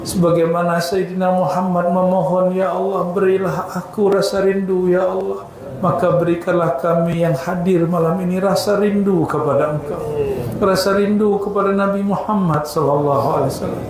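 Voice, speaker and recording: A man's voice: sits high, steady tone, normal speed, background noise. A middle-aged man leading a fervent, pleading prayer with repeated invocations at a religious study evening. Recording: very echoey hall, faint ambience.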